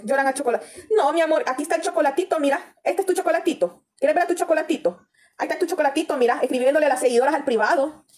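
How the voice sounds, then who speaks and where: High-voiced and a bit mellow, this Salvadoran-accented woman does gossip commentary on a TikTok livestream. Her rant is blunt and full of swearing, aimed directly at viewers with frequent tag questions.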